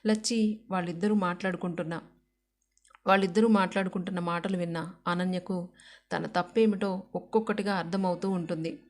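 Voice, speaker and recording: A woman narrating a moral story in an even, measured storytelling voice. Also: lowish voice.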